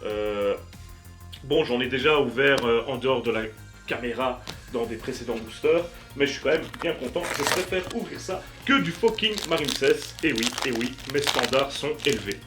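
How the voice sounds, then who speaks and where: A man talks his way through a pile of card packs, chatty, teasing and a little crude, with plenty of fillers. His voice sits at an ordinary middle pitch. Faint music plays underneath. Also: expressive, moderate pace. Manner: chatty, joking, casually crude, frequent fillers. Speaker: YouTuber opening card packs. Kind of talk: casual card-opening commentary.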